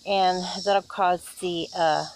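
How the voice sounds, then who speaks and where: A woman giving a casual, unhurried tour of her backyard garden, filming with a handheld camera outdoors and talking with many fillers and pauses. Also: on the low side, fairly even intonation, darkish tone, slight background noise. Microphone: handheld camera, filming as she walks. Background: faint insects and outdoor ambience.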